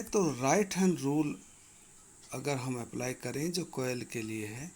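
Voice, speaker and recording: Male physics teacher, gravelly voice, slow and deliberate, reads problems aloud. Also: a little high, darkish tone, slight background noise. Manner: mixes Hindi and English, reads question text slowly. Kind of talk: recorded lesson explaining problems.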